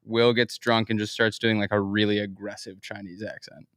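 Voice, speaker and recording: A young man hosting a casual chat, relaxed and easily amused, with lots of fillers. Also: lowish voice, moderate pace, dry recording, studio quality. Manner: laid-back, laughs easily, lots of fillers. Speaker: host.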